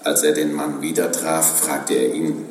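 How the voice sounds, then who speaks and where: Deep-voiced man narrating scripture. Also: little pitch movement, a little hiss or hum. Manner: measured storytelling. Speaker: scripture reader. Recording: roomy distant sound with music.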